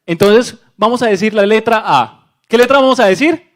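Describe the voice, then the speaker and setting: A man from Colombia leading a playful call-and-response game with an audience in a large auditorium. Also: animated. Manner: playful, drawn-out calls with pitch swings. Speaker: activity leader at a conference.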